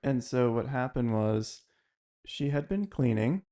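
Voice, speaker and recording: A man in a relaxed podcast conversation, mid-pitched and easygoing. He laughs easily and tells rambling personal stories. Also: a little slow. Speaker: podcast host. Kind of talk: casual chat.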